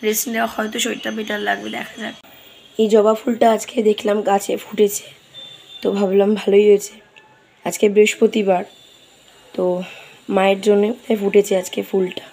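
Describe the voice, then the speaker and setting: A hoarse woman, chatting through her day at home as she cooks. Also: medium pitch, little pitch movement, a little fast, pauses often, warm tone, low-quality recording. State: hoarse, straining to speak. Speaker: vlogger. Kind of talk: casual daily vlog narration. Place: home kitchen.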